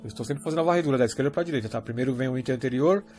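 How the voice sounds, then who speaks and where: Brazilian guy walking through an app, talks fast, keeps checking in with tá and né, a bit of music under him. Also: medium pitch, a little mellow. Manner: explains step by step, often checking in with "tá?" and "né?". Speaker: app tutorial presenter. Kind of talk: casual spoken app demonstration.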